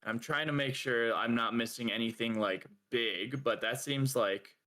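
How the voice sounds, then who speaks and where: A young man with a bright, forceful voice co-hosts a casual podcast. He rambles along, padding his talk with fillers and breaking into laughter now and then. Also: medium pitch, unhurried. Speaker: podcast co-host. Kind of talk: casual chat.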